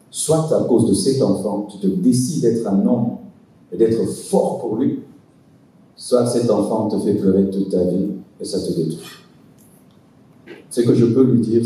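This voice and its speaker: A pastor with a low, very dark voice answers couples' questions, giving earnest, sermon-like advice with emphatic pauses. He sounds far away in a strongly echoing hall, with faint hiss behind him.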